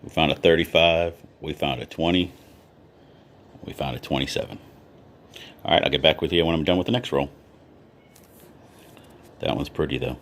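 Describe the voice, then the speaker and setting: A man's voice: rumbling low, moderate pace, pauses often, fairly bright tone. A man chatting casually in a hobby vlog as he sorts coins and reads off their dates one after another. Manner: easygoing, talks while sorting, lists coin dates. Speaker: coin collector vlogger.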